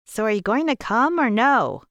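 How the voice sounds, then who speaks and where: A woman's voice: fairly high pitch, sing-song, moderate pace, a bit bright, dry recording, voice pushed up. A woman voicing a teasing teenage boy. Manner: sing-song, coaxing.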